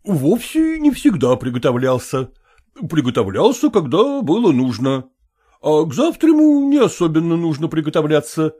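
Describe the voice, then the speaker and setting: A man's voice: a little high, sing-song, normal speed, warm tone, breathy edge, voice pushed up. A man doing a smug, evasive old-school professor. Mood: patronizing. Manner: patronizing, soothing, smug. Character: condescending middle-aged male professor, evasive. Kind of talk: audiobook character reading.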